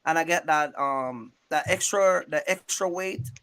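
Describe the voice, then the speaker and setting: A man with a fairly high, bright, smooth voice speaks at a measured pace with a pushed quality. He hosts a YouTube channel and interviews a guest about trucking in a casual, rambling, repetitive way, using streetwise slang and often checking in with his listener.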